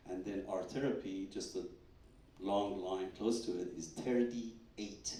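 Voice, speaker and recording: A doctor presenting research speaks at a fundraising event in an event hall, his voice low and his pace slow. He's an animated storyteller who shares patient stories and acts out their quotes with stammers. The hall is echoey and the mic sits at a distance.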